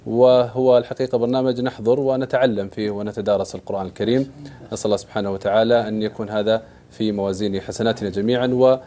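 Very fast-talking man hosting a TV program. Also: lowish voice, little pitch movement, dark tone. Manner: formal and courteous, gives thanks and closing greetings. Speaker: TV program host.

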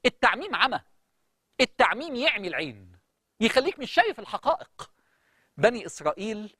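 A man preaches in a lively Egyptian accent, his voice high and swinging widely as he talks fast. He recites verses with dramatic stresses. The sound is close and dry. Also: no room sound. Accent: Egyptian Arabic. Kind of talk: lively religious talk.

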